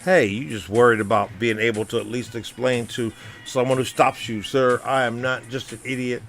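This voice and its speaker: A man's voice: medium pitch, fairly even intonation, moderate pace, fairly bright tone. An American man musing in a loose, rambling commentary, full of "you know" fillers. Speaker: vlogger. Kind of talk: casual spoken commentary. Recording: faint background music under voice. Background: faint background music.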